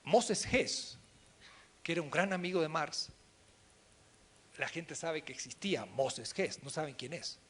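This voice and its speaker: A man lecturing on philosophy to a class. He talks emphatically, swings between loud stresses and quiet asides, and speaks straight to his listeners. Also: a little high, expressive, measured pace, long pauses, slightly rough. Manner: addresses the class directly.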